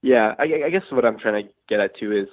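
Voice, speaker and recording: A man with a fairly low voice comes through as a radio show caller. His call sounds thin and tinny, like a phone line with almost no room sound. He talks casually and hesitantly, leaning on "um" and "like" as he works toward his question. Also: a little fast, no echo. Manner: hesitant, filler-heavy phrasing with many "um" and "like". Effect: radio show caller heard over a phone line.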